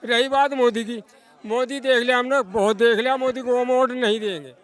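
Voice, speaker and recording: Very high-voiced indignant villager, man. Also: fairly even intonation, normal speed, a faint crowd. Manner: forceful, indignant complaining. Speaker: villager interviewed. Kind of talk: street interview answers.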